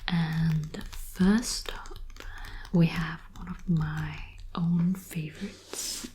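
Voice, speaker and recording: A woman speaks in a hushed library whisper, a whispered role-play as a librarian. Her delivery is very slow and gentle, with a soft, mellow tone. Faint noise and small clicks sit behind her. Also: low voice, fairly even intonation. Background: soft clicking and tapping sounds.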